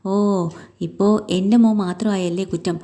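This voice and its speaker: A woman's voice: mid-range voice, fairly even intonation, normal speed, close to an everyday voice. A woman voicing a quarrelsome middle-aged housewife. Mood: indignant. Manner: sharp, quarrelsome. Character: angry middle-aged woman scolding mother-in-law.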